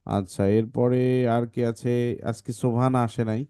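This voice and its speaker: A man's voice: mid-range voice, fairly even intonation, moderate pace, mellow. A man teaching English phonics to a children's class, patiently correcting pronunciation sound by sound.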